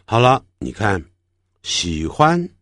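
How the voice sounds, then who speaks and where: A man teaching pronunciation in a slow, unhurried way. His pitch moves a lot as he stresses sounds, and he repeats practice words patiently for the learner. The recording is dry and close. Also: big pitch swings, a bit bright, dry recording. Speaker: English teacher. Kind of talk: pronunciation lesson.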